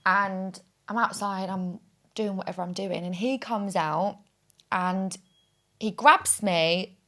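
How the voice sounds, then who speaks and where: A woman, hosting a podcast and telling an animated, chatty story with free swearing. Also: mid-range voice, slow pace. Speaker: podcast host. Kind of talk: casual chat.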